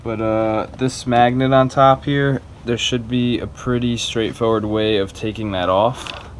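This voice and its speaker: A video maker with a mid-range voice and steady tone takes his time guiding viewers through a hands-on repair. He sounds casual and slightly hesitant, clearly unscripted, in a small carpeted room full of clutter. Slight background noise runs underneath.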